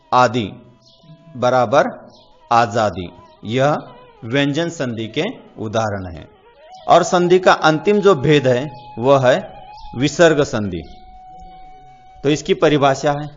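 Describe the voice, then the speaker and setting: A man teaching grammar, dictating definitions in short, measured phrases. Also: mid-range voice. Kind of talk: slow, deliberate classroom explanation. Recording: slightly dull audio with faint music.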